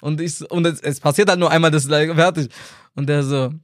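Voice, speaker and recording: A young man from Germany tells quick, animated stories in casual conversation. He acts out the people he quotes and laughs often. His voice sits fairly high, and the sound is dry and close. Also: dry recording. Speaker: content creator and singer, guest.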